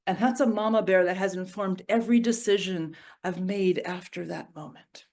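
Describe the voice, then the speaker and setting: At a church service, a middle-aged woman offers a storytelling reflection from her own life, speaking at a medium pitch and moderate pace. What starts out lighthearted becomes quiet and solemn.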